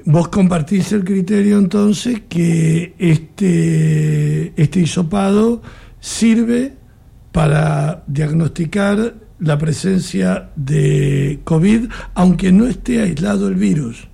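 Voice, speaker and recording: A man with an Argentine Spanish accent, his voice gravelly, dark and husky. He questions his guest insistently but casually, like a radio host talking things through. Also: high voice, slow pace. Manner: conversational, probing, self-deprecating. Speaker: radio interviewer. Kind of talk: radio interview.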